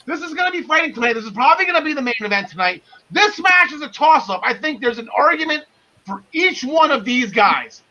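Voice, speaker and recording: High-pitched, bright-voiced male podcast host. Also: big pitch swings, brisk, dull audio. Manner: enthusiastic, rambling, slangy. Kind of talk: casual wrestling podcast discussion.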